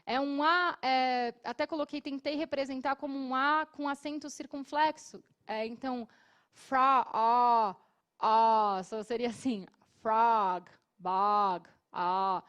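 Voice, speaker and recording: A Brazilian woman teaching an English class, explaining patiently and modeling words slowly. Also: high voice, steady tone, a bit bright, clean tone, muffled recording.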